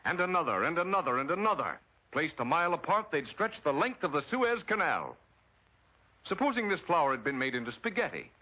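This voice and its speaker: Over a loud orchestral film score, an American man delivers emphatic, dramatic scripted narration in the style of a 1940s wartime propaganda film. His fairly high voice swings widely in pitch and moves a little fast, with dull vintage 1940s soundtrack quality.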